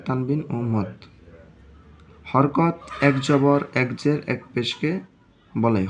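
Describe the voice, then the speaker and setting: A man leads an online reading lesson at a steady, unhurried pace. He talks in a middle pitch and explains patiently, going back over each point until it sticks. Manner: slow, patient explaining with frequent repetition. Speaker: Quran reading teacher.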